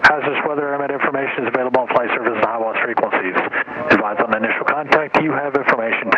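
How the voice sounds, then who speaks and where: A man reading an airport weather and runway bulletin over aircraft radio, reciting numbers and aviation codes in a steady way. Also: mid-range voice, very fast. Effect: airport weather information broadcast over aircraft radio. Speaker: recorded airport information announcer. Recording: muffled radio audio with faint hiss.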